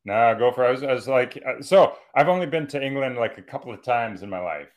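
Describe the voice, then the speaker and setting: This is a man in his forties from Calgary, Alberta, a professor and writer appearing as a guest in a casual podcast interview. His medium-pitched voice is expressive and quick as he rambles, corrects himself, and tosses in jokey asides.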